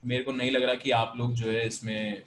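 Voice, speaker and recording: Patient Indian math teacher on a call. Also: male voice, medium pitch, flat delivery, a little fast, echoey room, slight background noise. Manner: patient, explanatory, mixes Hindi and English, calls students "beta". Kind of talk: online class lecture. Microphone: video call.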